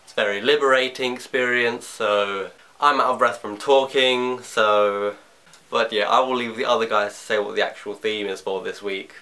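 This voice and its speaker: A young man speaks in a fairly low voice with a bright, forward edge. He tells a personal story haltingly and reflectively, as in a confessional vlog from his bedroom. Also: fairly even intonation. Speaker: vlogger. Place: bedroom at home.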